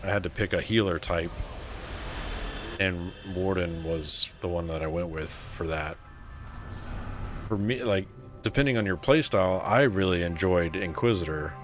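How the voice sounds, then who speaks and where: Low-voiced laid-back male streamer. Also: moderate pace, long pauses, music in the background. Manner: laid-back, answers chat, many fillers like "so, like" and "um". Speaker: game streamer. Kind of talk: casual live-stream chat.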